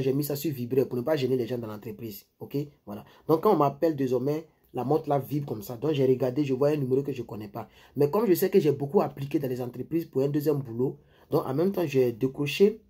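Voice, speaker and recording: A man's voice: on the high side, mellow, slightly rough. A man from Ivory Coast, giving life advice to his viewers in a rambling, repetitive monologue. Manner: rambling, repeats himself, addresses viewers directly.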